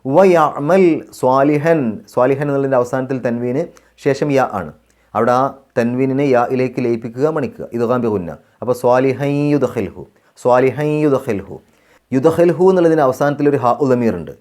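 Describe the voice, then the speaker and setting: Man teaching Quran recitation, slow and chanting. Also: mid-range voice. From Kerala, India. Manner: slow, drawn-out chanted recitation of verses, then calm step-by-step explanation; repeats phrases to model pronunciation. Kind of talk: tajweed recitation lesson.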